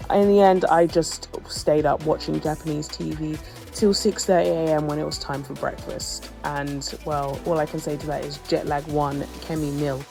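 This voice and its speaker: Gravelly woman narrating her travels. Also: low-pitched, warm tone. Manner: chatty, humorous storytelling with playful asides. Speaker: travel vlogger. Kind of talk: voice-over narration of a travel vlog.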